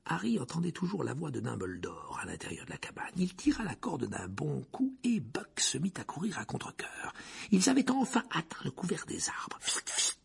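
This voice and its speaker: A man's voice: fairly high pitch, huge pitch swings, normal speed, creaky, husky. A man narrating a storybook expressively, voicing each character in turn. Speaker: audiobook narrator.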